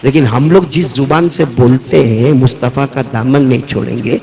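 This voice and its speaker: A man preaching a sermon with passion, calling on the crowd again and again to answer him aloud, swinging between high fervent cries and low hushed asides. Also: fairly even intonation, creaky, low-quality recording. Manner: impassioned, repeatedly calls on the crowd to answer aloud.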